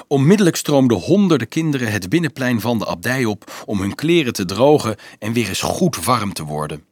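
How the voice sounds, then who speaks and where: A man narrating a novel as an audiobook, in an expressive, measured storytelling manner. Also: fairly low pitch, no echo, clean studio sound.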